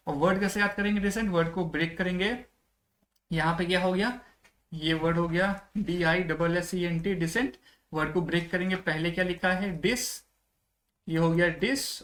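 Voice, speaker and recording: A teacher giving a vocabulary lesson, asking rhetorical questions and answering them, repeating key points over and over. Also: medium pitch. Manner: repetitive, often says "theek hai". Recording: roomy echo.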